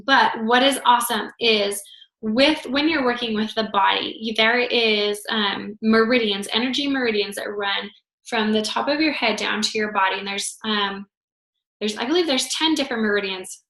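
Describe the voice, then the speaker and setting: A woman's voice: on the high side, normal speed, sharp tone. A woman teaching a group in a casual, chatty way, full of filler words, her voice slightly worn. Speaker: foot zoning instructor. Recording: roomy echo.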